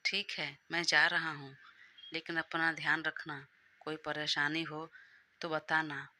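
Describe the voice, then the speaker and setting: A woman's voice: low-pitched, level tone, unhurried, sharp tone, exaggerated voice. A woman voicing a worried, protective young man who calls out firmly through a closed door in an audio story. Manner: calling out firmly.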